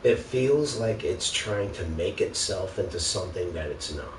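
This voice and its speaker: A man with a low voice delivers an exasperated, sarcastic rant about gaming, cursing freely and casually. He sounds set back from the microphone in an echoing room. Clear noise runs behind him. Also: animated, normal speed. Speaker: video game ranter. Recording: roomy, noisy, distant microphone.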